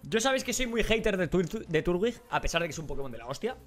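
A young man giving excitable, casual let's play commentary and swearing freely. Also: high voice, fast talker, faint music behind. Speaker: YouTube gaming host.

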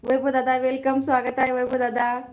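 A woman's voice: high voice, monotone, moderate pace, darkish tone, poor audio. A woman hosting a casual live stream from her phone, greeting viewers by name, reading their comments aloud and checking that her sound comes through.

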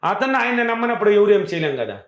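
Fast-talking, emphatic man in an echoey room. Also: high voice, sing-song, muffled recording. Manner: emphatic, repetitive, self-assured. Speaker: self-help affirmation teacher. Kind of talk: interview answers, motivational.

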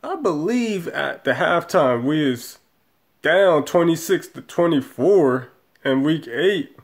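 A man's voice: on the high side, animated, takes it slowly. A man in his thirties giving a profane, rambling post-game rant as a football fan, filmed in a small room on a webcam. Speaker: sports fan vlogger.

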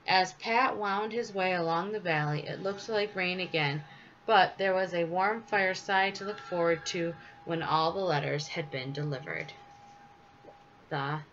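Bright-voiced woman reading a children's story. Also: fairly low pitch, measured pace. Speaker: storybook reader. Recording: slightly dull with faint hiss.

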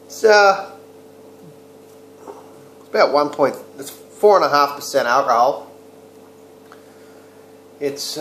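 A man's voice: medium pitch, a little hiss or hum. An easygoing Australian man in his thirties chats loosely through a beer review, drifting between thoughts and dropping crude slang. His mid-range voice bounces around a small, echoey room, picked up by a close webcam mic. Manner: laid-back, rambling, crude slang. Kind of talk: casual beer review vlog. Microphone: webcam or laptop mic close up.

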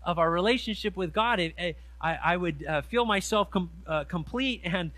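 A middle-aged man preaching a sermon in a church, reading scripture slowly and stressing key words with earnest emphasis. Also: high-pitched, a bit bright, dry recording. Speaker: pastor. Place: church sanctuary. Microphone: handheld mic.

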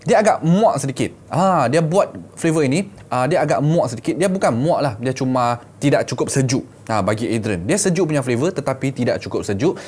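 A man's voice: mid-range voice, animated, brisk, few pauses, darkish tone, slightly rough. A man in his thirties speaks with a Malaysian accent in a mid-range voice. He presents a casual unboxing and review, colloquial and repetitive, talking straight to his viewers. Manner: colloquial, repeats phrases, talks to viewers as 'guys' and 'gang'. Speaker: product reviewer. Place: small indoor room set up as a gaming studio.

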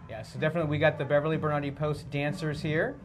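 A man's voice: fairly high pitch, steady tone, rapid-fire. A man co-hosting live parade commentary from a TV studio, friendly and teasing. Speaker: co-host. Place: TV studio overlooking the street.

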